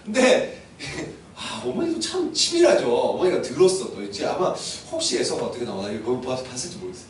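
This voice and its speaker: A man's voice: medium pitch, a little fast, few pauses, slight background noise. A man preaching a youth sermon, telling a story and asking his listeners questions. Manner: animated, asks listeners questions, acts out scenes. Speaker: pastor. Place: church hall. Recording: echoey room, mic at a distance.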